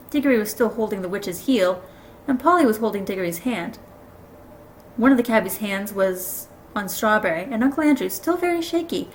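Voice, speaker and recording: A woman reading a children's novel aloud, expressive and lively. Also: fairly high pitch, slight background noise, low-quality recording. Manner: expressive, does voices for characters. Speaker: storybook reader.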